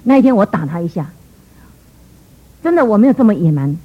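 A middle-aged woman shares a church testimony at a quick clip, her voice somewhat husky. She tells her story earnestly and acts out the dialogue as she goes. The recording sounds dull and lo-fi. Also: mid-range voice, big pitch swings. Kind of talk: emotional personal testimony.

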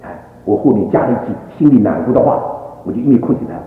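A man preaching a sermon and telling his own testimony, in an animated, emphatic storytelling manner that climbs into excited outbursts. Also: medium pitch, racing, slight background noise. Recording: tinny, echoey hall recording.

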